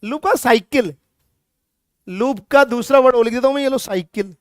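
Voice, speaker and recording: A man's voice: extremely high pitch, normal speed, dry recording, clean studio sound. A man, teaching a chemistry lecture energetically, teasing his students with rhetorical questions. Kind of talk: classroom lecture.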